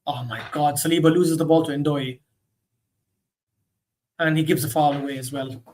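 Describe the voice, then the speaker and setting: A man hosting a football watchalong, giving live commentary that swings between low muttering and sudden excited shouts. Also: moderate pace. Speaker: host of a football watchalong stream. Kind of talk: live match commentary and reaction.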